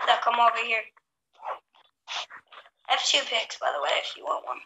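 A woman's voice: fairly high pitch, moderate pace. A woman chatting casually to her viewers while gaming, recorded in a small bathroom that echoes. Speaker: gaming channel host. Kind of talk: casual game chat. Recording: echoey bathroom, faint noise.

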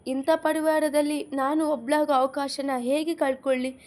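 A woman reading an audiobook story, voicing a humble young orphan woman who speaks softly and pleadingly. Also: high-pitched, flat delivery, normal speed, close to an everyday voice. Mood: tearful.

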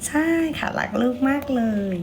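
A hoarse woman with a raspy voice, chatting playfully and coaxing viewers while selling on a livestream. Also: moderate pace, a little hiss or hum. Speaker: livestream seller. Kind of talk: casual livestream chat.

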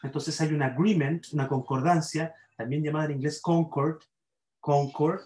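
A man's voice: a little high, steady tone, normal speed, darkish tone, echoey room, rough recording. A man with a Chilean accent teaching a university grammar class online. He explains by repeating examples and checks in with his students. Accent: Chilean Spanish.

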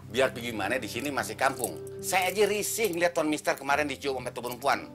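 A man's voice: medium pitch, expressive, fast, natural voice. A man with a Betawi accent in a soap opera, talking bluntly and scolding in colloquial speech. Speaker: Jungkat, village man hosting a foreigner. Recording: music bed behind.

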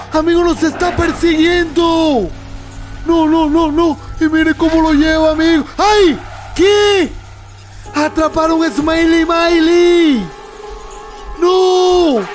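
A young man giving excitable let's-play commentary to his audience, laughing often and yelping at scares. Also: extremely high pitch. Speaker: gaming YouTuber.

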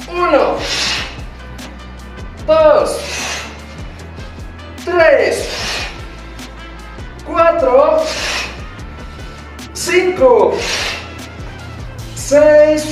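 A young male gym coach barks out rep counts and short urgings, very high in pitch and very slow in delivery. He is working out as he calls. His voice comes from far off in a very echoey room. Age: young adult. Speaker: fitness coach leading a workout. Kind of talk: motivational workout instruction. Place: bare tiled room with hard walls. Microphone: camera several metres away.

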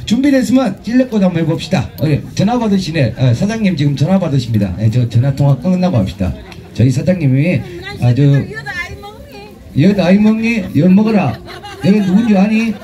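High-voiced joking festival emcee man. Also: dull audio. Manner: joking, crude teasing, shouting cues. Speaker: street performer emcee. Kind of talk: outdoor festival stage banter with the crowd. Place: outdoor festival stage.

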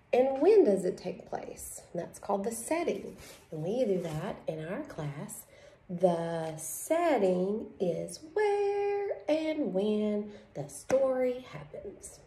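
A woman in her thirties leads a reading lesson for small children in an unhurried, mellow voice. She phrases things simply and deliberately and often puts questions to the listener. The room adds noticeable echo. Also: medium pitch, creaky. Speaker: kindergarten teacher. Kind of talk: reading lesson for young children, instructing and reading aloud. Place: indoors, home room at a table. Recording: echoey room.

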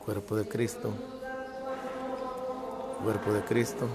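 A man, a priest giving communion, slowly and steadily repeating a liturgical formula in a large church. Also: fairly low pitch, over loud music. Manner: slow, steady repetition. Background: hymn singing.

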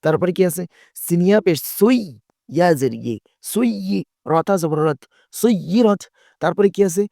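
Male Quran teacher, patient and repetitive, a touch high-voiced, dry close sound. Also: animated, normal speed, gravelly, dark tone, dry recording. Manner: patient, repetitive, asks and answers his own questions. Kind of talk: tajweed lesson, spelling out letters.

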